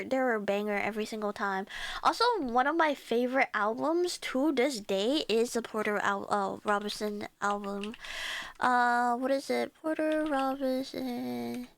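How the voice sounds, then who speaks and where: A woman's voice: on the high side, fairly bright tone, dry recording. A woman streaming live in casual chat, giddy and rambling with lots of fillers, sounding congested.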